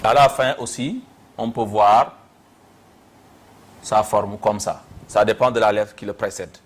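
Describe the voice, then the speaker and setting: A Senegalese-accented man leads a step-by-step Quran reading lesson, sounding out each syllable and repeating it. His voice sits fairly low. He speaks very slowly and deliberately.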